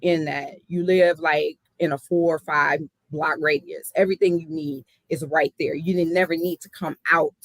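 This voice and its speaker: A woman's voice: sits low, fairly even intonation, normal speed, hardly any pauses, dry recording, poor audio. A woman from the South Side of Chicago, a hip hop artist telling her story in an earnest, reflective interview.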